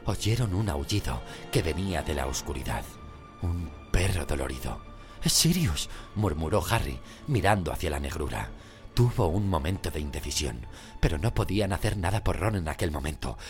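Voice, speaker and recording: A man narrating an audiobook in an expressive storytelling manner. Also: rumbling low, normal speed, soft background music. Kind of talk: scripted narration.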